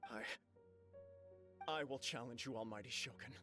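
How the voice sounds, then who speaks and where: A man's voice: medium pitch, pushed and bright. Earnest, self-reproaching young nobleman, music behind. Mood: solemn resolve. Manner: formal, solemn, measured. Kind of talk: English game dub acting.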